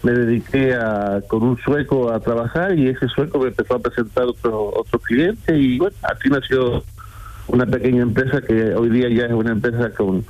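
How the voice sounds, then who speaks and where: A man in his sixties with an Argentine accent, a builder calling into a radio show, friendly and talkative with halting restarts. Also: mid-range voice, highs cut off. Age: 60s. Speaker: caller, builder. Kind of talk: phone-in conversation.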